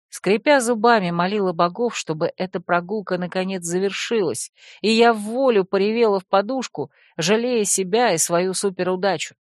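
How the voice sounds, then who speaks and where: A woman reading a first-person audiobook in an expressive, ironic storytelling manner. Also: mid-range voice, no echo, clean studio sound. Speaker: audiobook narrator.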